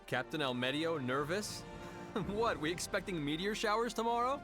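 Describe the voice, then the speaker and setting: Game hero, young, serious, touchy, lively intonation over faint music. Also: male voice, sits high, normal speed. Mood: sardonic. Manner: straight-man, sardonic. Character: serious, easily irritated young male space cadet. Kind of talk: English video game voice acting.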